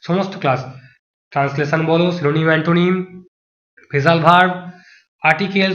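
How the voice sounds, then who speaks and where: A man's voice: on the high side, fairly bright tone. A man teaching an exam-prep grammar lesson, talking through each answer option aloud and rejecting the wrong ones. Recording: muffled lo-fi voice recording.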